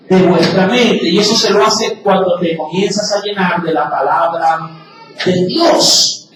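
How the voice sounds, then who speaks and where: High-voiced preacher man in an echoey hall. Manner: preaching loudly, asking the congregation rhetorical questions. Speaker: pastor. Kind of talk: sermon. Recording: very echoey hall, picked up from a distance.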